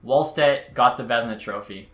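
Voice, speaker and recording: A man's voice: medium pitch, moderate pace, fairly bright tone, soft background music. A man giving casual gameplay commentary as a YouTuber, chatty with exasperated outbursts. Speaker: gaming YouTuber. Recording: roomy echo.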